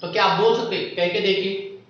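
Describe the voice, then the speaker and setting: A man's voice: sits high, fairly even intonation, fairly quick, fairly bright tone, a little hiss or hum. A man teaching a grammar lesson for exam preparation, explaining step by step and putting questions to the class. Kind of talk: exam-prep Hindi grammar lecture. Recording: echoey room, dull lo-fi sound.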